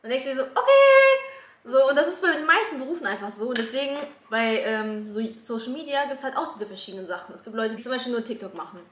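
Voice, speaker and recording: A woman's voice: a little high, lively intonation, quick pace, hardly any pauses, a bit bright. Young woman chatting loosely in echoey room. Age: 20s. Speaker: YouTuber guest. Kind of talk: casual chat. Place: small room at a dining table. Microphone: camera a few feet away. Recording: echoey room, camera at a distance.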